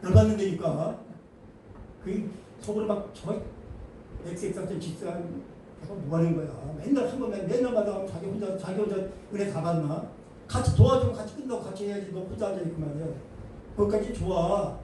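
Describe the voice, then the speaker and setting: A male pastor preaching an animated, emphatic sermon with colloquial humor in a church. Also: high voice, a little fast. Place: church sanctuary. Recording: echoey hall, distant mic, faint noise.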